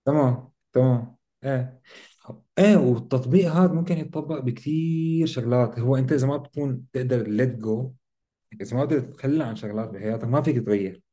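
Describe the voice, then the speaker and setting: A man's voice: medium pitch, fast, mellow. A man with a Levantine Arabic accent explains ideas in casual discussion as a co-host, often checking in with short tag questions.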